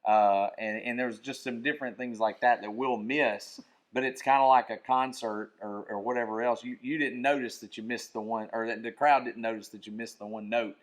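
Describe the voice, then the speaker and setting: A man's voice: mid-range voice, fairly even intonation, normal speed. A man hosting a casual podcast chat, reading out listener questions in an easygoing way.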